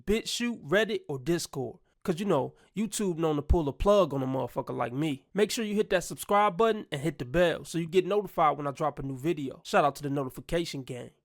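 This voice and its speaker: Brief: male vlog host, slightly higher voice, blunt and profane, ranting opinions. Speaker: channel host and commentator.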